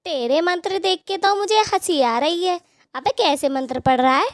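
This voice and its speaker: A rude, cackling cartoon witch who loves mangoes, voiced by a woman. Her high voice leaps all over the place as she mocks and insults. The sound is dry and close. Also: animated, normal speed, no echo. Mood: taunting. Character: rude mocking female mango-loving witch ghost.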